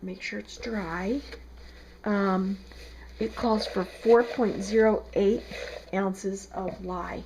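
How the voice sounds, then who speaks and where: A woman's voice: mid-range voice, steady tone, takes it slowly, darkish tone, a little hiss or hum. A woman with a South Jersey accent, chatting casually through a home tutorial as a soap maker in her kitchen, with frequent ums. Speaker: soap maker demonstrating a recipe. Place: home kitchen, second floor.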